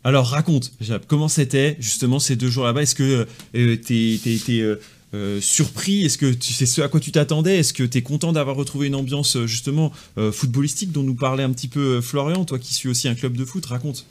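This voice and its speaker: A man with a medium-pitched voice hosts a casual live discussion. He is encouraging and conversational, handing over to callers with short questions. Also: brisk. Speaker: host. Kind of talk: casual live call-in hosting.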